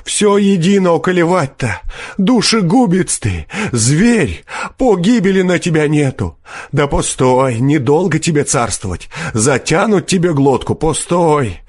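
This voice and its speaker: A man's voice: a little high, big pitch swings, measured pace, breathy edge, dry recording, pitched above the performer's own voice, heavily acted. A man reading an audiobook, voicing a desperate poor peasant who shrieks wild accusations. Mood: frantic rage.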